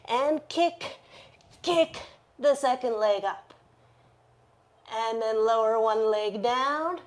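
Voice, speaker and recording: A woman teaching a yoga class, cueing poses with short repeated commands and checking in with her students, at times out of breath. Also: a little high. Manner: encouraging, checks in with "okay?". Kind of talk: live yoga class instruction.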